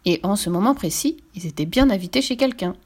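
A woman reading a children's story aloud with gentle, expressive narration. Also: mid-range voice, brisk.

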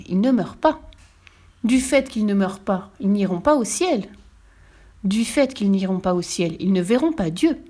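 A woman's voice: mid-range voice, mellow, natural voice. A woman voicing a pompous, lecturing male court chaplain in a read-aloud storybook. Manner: lecturing, preachy. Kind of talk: storybook reading.

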